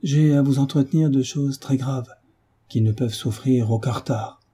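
A man reading the part of an earnest country doctor in a grave, measured way, with a husky voice. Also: mid-range voice, dark tone, pitched above the performer's own voice, natural voice.

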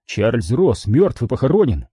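A cynical henchman with a flat, blunt delivery, as a male narrator voices him. His voice is dark and husky, in audiobook storytelling. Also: mid-range voice, measured pace, no echo, clean studio sound, exaggerated voice.

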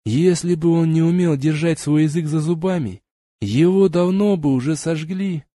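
A man's voice: on the high side, normal speed, dark tone, no room sound, clean studio sound, pitched above the performer's own voice, lightly acted. A man reading an audiobook, voicing a sympathetic young male friend in a concerned, reassuring manner.

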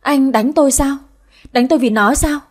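A woman's voice: high voice, normal speed, pitched above the performer's own voice, natural voice. A woman voicing a spiteful, scheming young wife who shrieks and accuses in a frantic way, in a storybook reading. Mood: bitter.

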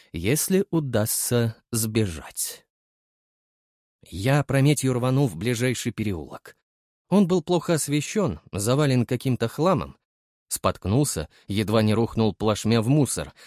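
Male audiobook reader, lively expressive tone, dry close voice. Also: medium pitch, no echo. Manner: wry, expressive storytelling. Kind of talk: first-person audiobook narration.

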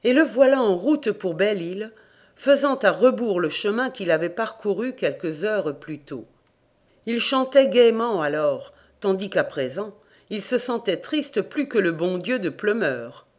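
An audiobook narrator reading a folk tale in an even, steady storytelling way. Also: mid-range voice, unhurried. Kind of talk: scripted narration.

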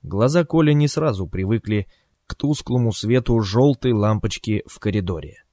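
A man narrating a story in an ironic, expressive way, as an audiobook. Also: lowish voice, moderate pace, no room sound.

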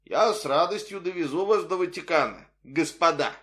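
A man's voice: on the high side, animated, normal speed, fairly bright tone, voice pushed up. A man doing a haughty émigré nobleman cabbie. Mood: condescending. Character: Russian émigré taxi driver, haughty nobleman, middle-aged man.

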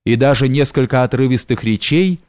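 A man's voice: mid-range voice, a little fast, a little mellow, no echo. Male narrator, dry close reading. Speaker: audiobook narrator. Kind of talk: scripted narration of a historical novel.

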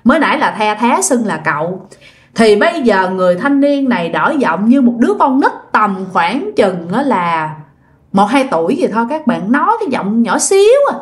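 A woman's voice: a little high, very animated, normal speed. A woman telling a ghost story in a chatty way, addressing listeners directly. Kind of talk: casual spoken ghost story.

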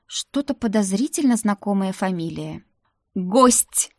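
A woman narrating a first-person fantasy audiobook in a wry, lively storytelling manner. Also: mid-range voice, moderate pace, no echo, clean studio sound.

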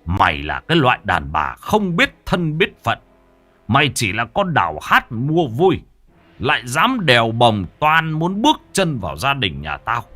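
A man voicing a furious middle-aged male theater owner who shouts and curses at his son and wife. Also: mid-range voice, wildly swooping pitch, unhurried, soft background music, voice pushed up, full character voice. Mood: scornful. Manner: shouting, cursing, scornful.

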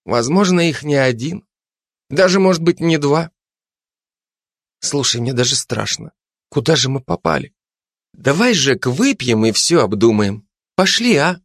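A man voicing a brash, domineering female police investigator with a loud, scolding manner in an audiobook. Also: medium pitch, animated, measured pace, vocal fry, long pauses, no echo, clean studio sound, pitched above the performer's own voice. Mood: worried. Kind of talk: audiobook character voice.

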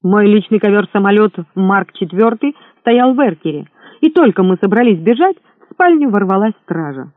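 Insolent boastful young rogue, put on by a male narrator; high, dry, lo-fi. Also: animated, moderate pace, no echo. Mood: mocking. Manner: mocking, boastful. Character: brash insolent young man, a sharp-tongued rogue. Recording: thin phone-like sound, dry.

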